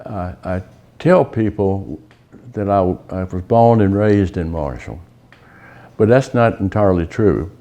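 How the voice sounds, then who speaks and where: Older man with a low, mellow voice. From Virginia, US. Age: 80s. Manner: unhurried, folksy, many pauses and fillers. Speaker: local resident sharing memories. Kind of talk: casual reminiscing. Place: outdoors on a town street.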